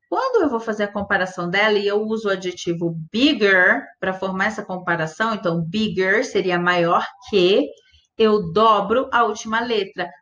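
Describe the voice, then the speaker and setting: A woman with a slightly high voice gives a patient, step-by-step grammar lesson. She keeps checking that her students are following, and she slows right down to spell out and read the example words. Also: fairly bright tone. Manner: patient, step-by-step, checks understanding with "tudo bem?" and "certo?". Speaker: English teacher. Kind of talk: classroom-style grammar explanation.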